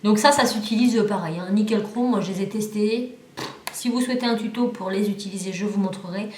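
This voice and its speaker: A woman's voice: mid-range voice, a little fast, darkish tone. A chatty woman with a southern French accent walks through a parcel of craft supplies and keeps stopping to rephrase. Her voice sits in the middle of the range. The room gives it a noticeable echo. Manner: chatty, many fillers and restarts. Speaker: craft YouTuber reviewing a parcel. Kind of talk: casual chat.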